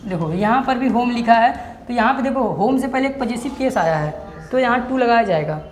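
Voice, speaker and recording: A man's voice: extremely high pitch, animated, a little fast, faint music behind. A male English teacher giving a grammar lesson. He keeps asking the class a question and then answers it himself, calling his students "beta". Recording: echoey room.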